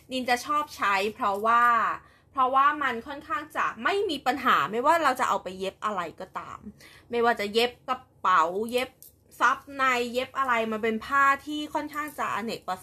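A woman's voice: high voice, bright, forceful tone, slight background noise. A young woman chatting casually on a live stream while preparing an embroidery project, giggly and talkative. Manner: chatty and giggly, with frequent laughs and repeated words.

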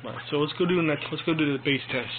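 A young man giving a casual, rambling product review in a phone video, halting and informal, recorded on a handheld phone in a room at home. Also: fairly high pitch. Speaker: amateur headphone reviewer. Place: small domestic room, indoors. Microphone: handheld phone mic. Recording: tinny phone recording with clear noise.

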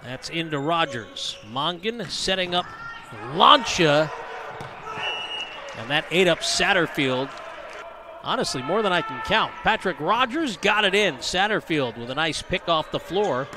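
Brief: high-pitched male play-by-play caller, brisk, noisy arena feed with gym sounds behind. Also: lively intonation, crowd noise. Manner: brisk, rises to shouts on big plays. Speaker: play-by-play commentator. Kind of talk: live volleyball commentary. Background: gym ambience and ball bounces.

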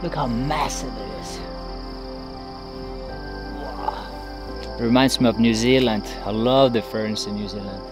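A young man vlogging with a handheld camera outdoors, talking in a chatty, excitable way and laughing often. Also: mid-range voice, measured pace, pauses often, music in the background. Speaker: travel vlogger. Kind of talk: casual travel vlog narration. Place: outdoors in rural hills and an open-air bamboo restaurant. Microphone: handheld action camera at arm's length.

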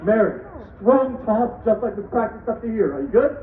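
High-pitched cheeky male street performer, far off. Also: expressive, moderate pace. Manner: projected, cheeky, bantering delivery. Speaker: street performer, unicycle stunt comedian. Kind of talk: comedic live stage patter to audience volunteers. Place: outdoor wooden stage in woods at a fair. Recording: distant, tinny, echoey crowd phone video. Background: noisy outdoor audience.

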